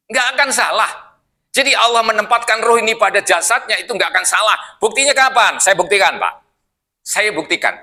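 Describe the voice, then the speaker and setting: A man's voice: sits high, bright, forceful tone. A middle-aged man, preaching in a mosque and teasing his listeners with questions. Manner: playful, teasing the audience with questions. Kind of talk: sermon.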